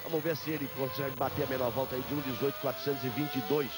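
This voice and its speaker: Brazilian motorsport commentator, man, over loud engines. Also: mid-range voice, steady tone, very fast. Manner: motorsport commentator calling the action, repeating and stretching key phrases. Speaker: lead motorsport race commentator. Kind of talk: live motor race commentary. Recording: loud engine and trackside noise. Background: race car engines, outdoor vehicle noise.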